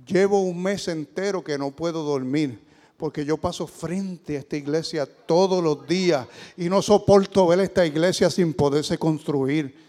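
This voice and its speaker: Man playing a rude, blunt businessman in a sermon story, high voice, hall reverb. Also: unhurried, natural voice. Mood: gruff. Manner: blunt, rising to loud demands. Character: gruff rude male merchant, unbeliever.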